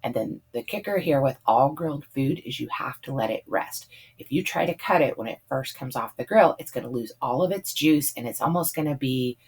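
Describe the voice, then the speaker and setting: A woman, hoarse from talking a lot, chatting casually through a budget meal plan with plenty of ums and likes. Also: a bass voice, animated, a little fast, few pauses, darkish tone. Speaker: budget meal planning vlogger. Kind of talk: casual voice-over.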